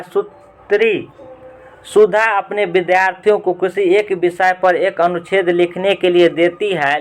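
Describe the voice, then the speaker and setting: A man teaching in who reads out exam questions one by one, gives the correct option, then asks and answers his own questions to repeat it. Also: high-pitched. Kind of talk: reading out and explaining exam answers.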